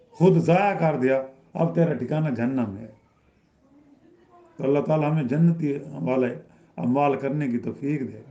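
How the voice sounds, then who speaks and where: A man's voice: a little high, dark tone. A man teaching a Quran lesson in Urdu, explaining by repeating himself and rising in emphasis. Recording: roomy, dull lo-fi recording.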